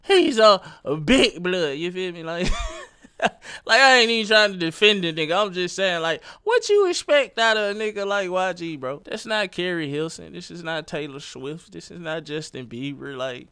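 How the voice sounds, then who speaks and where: Young male commentary vlogger, slangy and direct, fairly high, smooth voice. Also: lively intonation, normal speed, sharp tone. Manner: loose, slangy, talks straight at the viewer. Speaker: YouTube commentary host. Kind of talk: casual celebrity gossip commentary.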